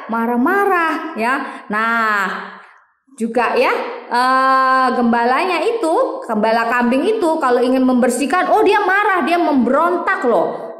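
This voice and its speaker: Woman children's church teacher, high-ish voice, lively sing-song delivery, echoey hall with long reverb. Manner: animated, sing-song, drawn-out words for emphasis. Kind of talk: children's sermon.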